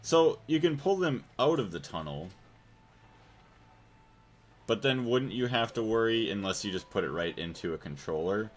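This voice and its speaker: Deep-voiced American man streaming casually. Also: lively intonation, moderate pace, long pauses. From United States. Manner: rambling, thinks aloud, reads and thanks chat. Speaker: gaming livestreamer. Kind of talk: casual live-stream chat while playing.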